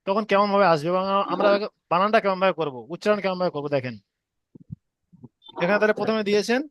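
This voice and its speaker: High-voiced man teaching letter sounds. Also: a bit bright, dry recording, lo-fi sound. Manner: slow syllable-by-syllable spelling drills; patient, repeats each sound. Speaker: Arabic reading teacher. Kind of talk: online reading lesson.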